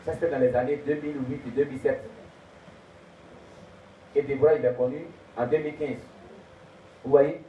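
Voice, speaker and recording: A man preaching a sermon, telling a story in an animated way and swinging between loud and hushed. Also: medium pitch, moderate pace, pauses often. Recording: tinny, echoey, distant, faint noise.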